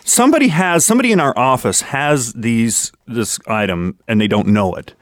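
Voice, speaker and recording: Playful man with a lively voice. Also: mid-range voice, moderate pace, no echo, clean studio sound. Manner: jokey, playful. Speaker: co-host. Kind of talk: casual chat.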